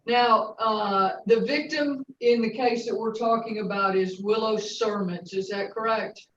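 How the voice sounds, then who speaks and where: A woman prosecutor questioning a witness in a brisk, formal manner, heard in a courtroom recording. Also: fairly high pitch, fairly even intonation, a little hiss or hum. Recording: roomy, distant, dull courtroom recording.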